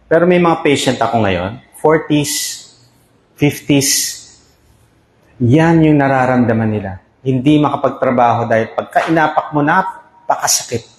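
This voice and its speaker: A man with a Filipino accent, a doctor giving a health talk and checking in with his listeners. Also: medium pitch. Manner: explains with repeated "okay?" checks. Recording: echoey room.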